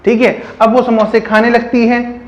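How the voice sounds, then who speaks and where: A man with a fairly high voice teaches a biology lesson by telling a story. He keeps asking the listener questions and answers them himself. The room around him sounds echoey. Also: level tone, moderate pace. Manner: keeps checking in with "theek hai".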